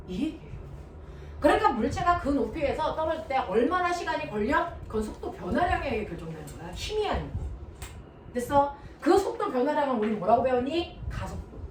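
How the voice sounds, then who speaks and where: A woman's voice: high voice, far from the mic. A woman teaching a physics lesson who keeps quizzing her class with constant check-in questions. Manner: lively, quizzes students with constant check-ins. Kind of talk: classroom lecture. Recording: echoey room, voice from afar, noisy.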